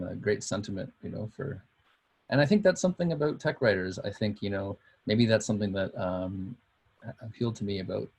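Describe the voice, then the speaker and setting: Gravelly, raspy low man. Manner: warm agreement, hesitant with many uhs. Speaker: technical writer. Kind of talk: casual video call discussion.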